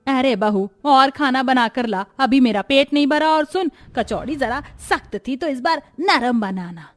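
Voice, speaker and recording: A woman voicing a greedy, bossy old grandmother-in-law in an animated story, scolding and giving orders. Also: high voice, a little slow, faint music behind. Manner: commanding, scolding.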